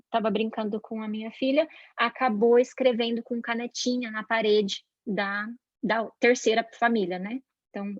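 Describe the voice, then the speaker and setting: A Brazilian woman speaks with a slightly high voice, giving a chatty parenting lesson as an educator. She tags her sentences with questions and slips into the voices of the people she quotes. The recording is dry and somewhat muffled. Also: no room sound. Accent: Brazilian Portuguese. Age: adult parent. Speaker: Montessori educator. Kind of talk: informal parenting talk.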